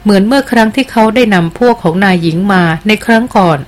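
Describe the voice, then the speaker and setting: A devoted jungle queen, earnest and deferential toward her mistress, as a woman reads her lines. Her voice sits at a middle pitch, read plainly from a storybook. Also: fast talker, lightly acted. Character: loyal, devoted jungle queen, respectful and cautious. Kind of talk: audiobook character reading.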